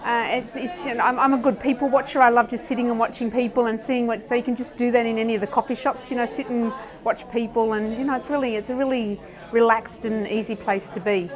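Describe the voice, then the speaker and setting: A woman's voice: on the high side, steady tone, fast talker. Rambling woman amid crowd noise. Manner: rambling, many restarts. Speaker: local business owner. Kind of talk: vox pop interview. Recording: street crowd noise behind.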